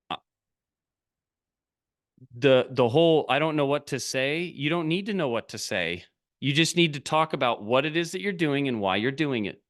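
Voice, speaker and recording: This middle-aged coach speaks to his group on a live video call in a fairly high, slightly bright voice. The motivational talk comes in blunt bursts, with short, punchy lines said again and again.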